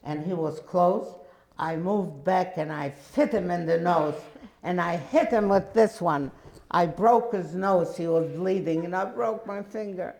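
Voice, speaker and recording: A woman in her eighties from Poland, with a Polish accent, telling her life story in a halting, emphatic way with many restarts. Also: fairly low pitch, a little mellow, roomy sound. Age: 80s. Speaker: guest speaker. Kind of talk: personal testimony.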